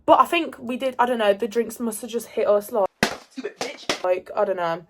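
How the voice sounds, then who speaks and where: A woman's voice: a little high, brisk, noisy background. A woman telling a rambling storytime vlog in casual chat, swearing freely. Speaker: storyteller vlogger.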